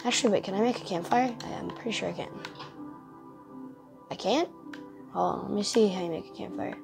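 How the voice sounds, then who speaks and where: A tired-sounding woman hosts a gaming channel's casual let's-play, rambling and thinking out loud as she plays and frequently teasing herself. Her medium-pitched, creaky voice moves fairly quickly over music.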